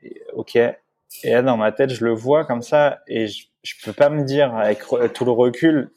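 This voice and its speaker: A man's voice: mid-range voice, measured pace, darkish tone. A man speaking as an interview guest, telling a personal story casually, with many restarts, fillers and asides to the listener. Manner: rambling, many restarts and fillers, frequent "tu vois"; emotional, candid recounting.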